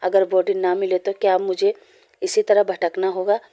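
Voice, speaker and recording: A wistful young ghost man from a storybook, lonely and pleading, his voice warm and mellow, as a woman reads him out. The lines stay flat and even in pitch, close to a plain reading voice. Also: normal speed, dull audio, close to an everyday voice.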